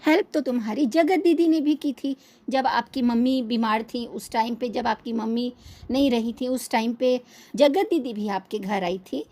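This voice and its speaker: A young woman with a slightly high voice delivers critical commentary with steady indignation. She scolds and fires pointed questions as she goes. Her tone stays reproachful throughout. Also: moderate pace. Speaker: reaction video host. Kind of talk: critical commentary on online creators.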